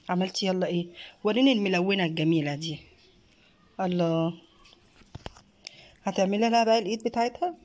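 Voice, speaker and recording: An Egyptian craft vlogger and mom talks casually from behind her handheld phone camera at a home table in the living room. Her voice is mid-range, with an Egyptian Arabic accent, and she's warm, encouraging, and full of praise and fillers. Slight background noise can be heard.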